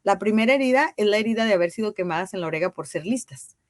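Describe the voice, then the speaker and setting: A woman appears as a guest in a casual interview about women's ceremonial circles, speaking earnestly and emphatically and using rhetorical questions. Her mid-range voice is expressive and she talks fast. The recording is dry and of studio quality.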